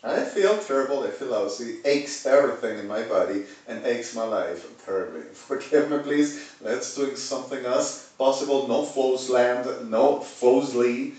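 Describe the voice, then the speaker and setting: A man from Argentina with an Argentine accent, talking in a rambling monologue that swings from low muttering to loud shouting. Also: lively intonation, unhurried, hardly any pauses. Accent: Argentine Spanish. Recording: very echoey room, far from the mic.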